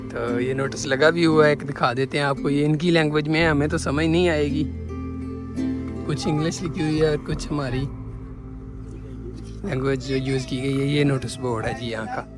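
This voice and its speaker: Over music, a Punjabi-accented travel vlogger from Pakistan talks in a slightly high, steady voice at normal speed. Walking through a windy rural village outdoors, he explains what he sees in a conversational show-and-tell style, pointing things out with repeated phrases.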